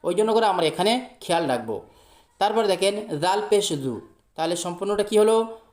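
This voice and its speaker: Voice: mid-range voice, lively intonation, moderate pace, a little mellow, reverberant. A Quran teacher who patiently spells out each letter and vowel, explaining step by step and drawing out the vowels when reciting.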